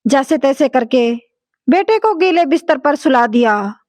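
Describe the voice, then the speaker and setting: A woman narrating a moral story in a calm, plain storytelling manner. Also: sits high, measured pace, no room sound.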